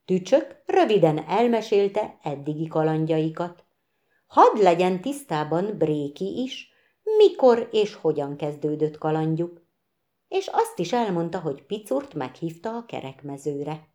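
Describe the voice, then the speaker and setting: A woman reading a children's story aloud in a gentle, expressive way. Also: fairly low pitch.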